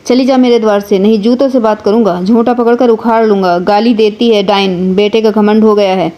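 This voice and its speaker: A woman reading the lines of a resentful, hot-headed young village man who shouts insults. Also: medium pitch, steady tone, brisk, dull audio, natural voice. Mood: furious.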